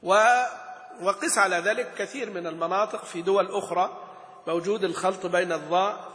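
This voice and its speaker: A man's voice: high voice, a little fast, a bit bright. A man teaching Quran recitation in a lesson. He explains a classical poem, sounds out letters aloud, chants the quoted verses and asks his students questions that he then answers himself. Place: Gulf region. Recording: echoey room with long reverb.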